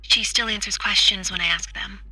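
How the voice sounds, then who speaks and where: A young woman plays a scared teenage daughter talking low and haltingly over the phone. Her voice is bright and breathy, with a husky edge. The sound is close and dry. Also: steady tone, dry recording, full character voice, rough recording. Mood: worried. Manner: hushed, anxious, halting. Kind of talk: audio drama acting.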